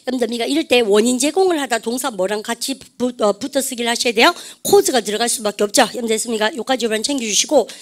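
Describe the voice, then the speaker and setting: A woman teaching English vocabulary in a recorded lecture, constantly addressing her students, repeating herself and leading pronunciation drills. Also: on the high side.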